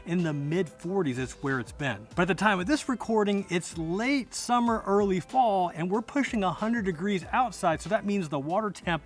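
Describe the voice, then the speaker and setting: An American man talks like a vlogger sharing his own experience, in a fairly high-pitched voice. His delivery is conversational and casual, repeating words to drive points home. Light music plays behind him. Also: expressive, normal speed, few pauses. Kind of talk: casual personal storytelling to camera.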